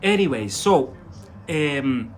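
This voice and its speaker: This man, an Algerian whose first language is Algerian Arabic, gives a casual English lesson on a live stream. His voice sits on the high side and is expressive, and he speaks slowly. He is emphatic and repetitive, often checking in with "yeah?" and "that's it".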